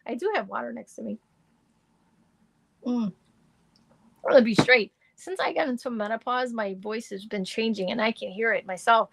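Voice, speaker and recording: At a moderate pace with long pauses, a middle-aged woman rambles through live astrology and tarot readings, chatting with lots of fillers. Her voice is slightly hoarse and deepened, and the recording is rough.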